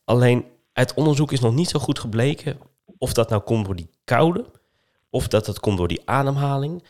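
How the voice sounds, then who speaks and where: A man's voice: mid-range voice, expressive, moderate pace, a little mellow. A man with a Dutch accent from the Netherlands talking in an explanatory way in a casual podcast discussion, often adding tag words to seek agreement.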